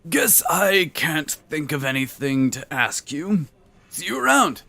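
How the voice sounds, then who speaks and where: A man's voice: very animated, a little slow, sharp tone, dry recording, heavily acted. A man voicing a chatty, upbeat character while playing a video game, in a raised, put-on voice. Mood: cheery. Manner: high, bouncy, gravelly put-on voice.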